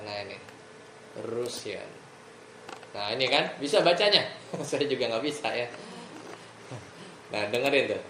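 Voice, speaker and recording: Male teacher, conversational classroom delivery, asks the class questions, echoey room. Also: mid-range voice. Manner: chatty, asks the class questions, explains step by step. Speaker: religious teacher. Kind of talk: casual classroom lesson. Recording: echoey room with faint ambient noise.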